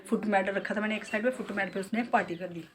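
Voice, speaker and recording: A woman's voice: medium pitch, fast talker. A middle-aged woman with a Jammu accent, a beauty salon owner chatting casually and heartfelt in her vlog. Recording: noisy background.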